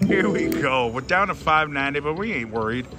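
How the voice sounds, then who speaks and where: Male gambling vlogger, higher-pitched and swooping, theatrical casual commentary with pleading repeats, clear machine music behind. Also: lively intonation, fairly quick. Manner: theatrical, addresses viewers, repeats phrases pleadingly. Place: busy casino floor at a slot machine. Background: slot machine music.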